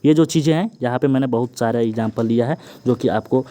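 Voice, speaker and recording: Man, young adult, exam coaching teacher, Hindi grammar lesson, very quick delivery, mellow dark tone, frequent check-ins. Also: mid-range voice. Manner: rapid list-reading with frequent "ठीक ना" checks and "Babu" address.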